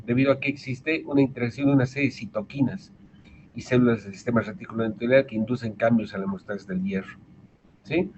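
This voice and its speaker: A man's voice: medium pitch, darkish tone. A man with a Bolivian Spanish accent giving an online medical lecture, explaining step by step and often restarting his words. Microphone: video call. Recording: dull lo-fi video call audio with faint noise.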